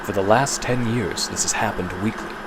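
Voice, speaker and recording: Serving as the storyteller of a horror audio drama, a man gives scripted, suspenseful and theatrical narration. He speaks lowish at normal speed over heavy background noise.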